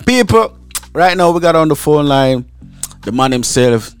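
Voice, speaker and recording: A man's voice: a little high, lively intonation, measured pace, clean tone. A man hosting a podcast in casual, slangy interview chat, often stammering and repeating his words. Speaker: podcast host.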